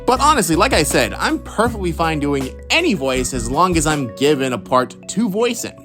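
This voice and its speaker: A young man from Houston, Texas answers his followers' questions about voice acting in a loose, rambling Q&A monologue packed with fillers and restarts. His voice is on the high side, with big pitch swings and a moderate pace, and music plays in the background.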